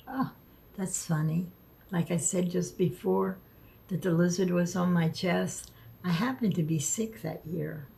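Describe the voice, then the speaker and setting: A woman vlogging casually, speaking haltingly and stumbling over words, with the lisping, slurred sound of missing front teeth. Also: fairly low pitch, gravelly. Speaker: video creator. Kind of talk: casual spoken vlog, partly reading aloud.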